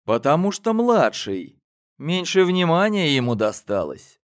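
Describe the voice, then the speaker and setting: A man's voice: a little high, sing-song, a little slow, voice pushed up. Man voicing a commanding elder telepath. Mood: measured, commanding. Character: shrewd elder male telepath, calm and commanding. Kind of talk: audiobook character voice.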